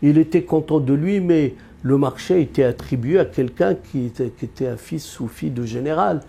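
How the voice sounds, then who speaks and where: In this unscripted interview, an Algerian-raised economist with Berber roots talks earnestly but haltingly, filling gaps and starting over frequently. His fairly high voice is creaky and slightly rough, with a dark tone.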